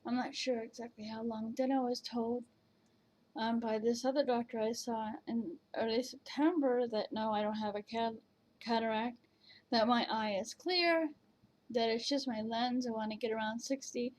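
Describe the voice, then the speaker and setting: A woman's voice: on the high side, fairly even intonation, normal speed. A woman casually chatting at home at her computer, rambling and hesitant, with many fillers and restarts. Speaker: vlogger reviewing virtual canes. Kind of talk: casual chat.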